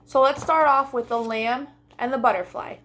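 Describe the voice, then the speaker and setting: Acting as a storytime host, a woman with a high voice reads a children's storybook aloud, expressive and deliberate for young listeners. Soft music plays in the background.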